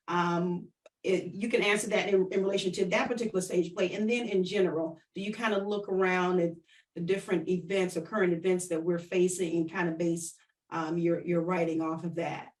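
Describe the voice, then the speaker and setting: This online show host and interviewer has a medium-pitched voice, picked up from a distance. She runs a casual livestream interview, chatting with viewers directly and frequently saying her phrases again.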